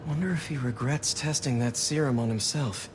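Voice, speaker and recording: A man's voice: medium pitch, moderate pace, noisy background, natural voice. An actor playing an earnest, curious young man in a video game, friendly and conversational as he thinks aloud. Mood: upbeat. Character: earnest, curious young male hero and science whiz.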